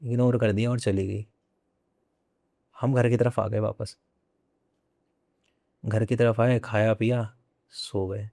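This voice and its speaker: A man's voice: lowish voice, little pitch movement, vocal fry, dark tone, no room sound, clean studio sound. A young man, a podcast guest, telling a personal ghost story in a casual way and often repeating his phrases. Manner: repeats phrases, conversational and unhurried.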